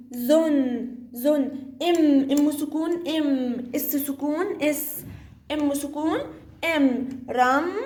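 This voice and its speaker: A woman teaching a first-grade phonics lesson, sounding out syllables slowly and playfully, with encouraging praise. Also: sits high, darkish tone. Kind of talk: early-reading phonics lesson.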